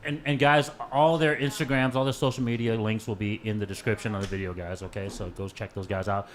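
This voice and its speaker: A man's voice: fairly low pitch, fairly even intonation, brisk, a little hiss or hum. A man hosting a casual panel podcast, asking his guests questions and often checking in with "right?" and "okay.". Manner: conversational, asks questions, frequent "right?" and "okay". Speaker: podcast host.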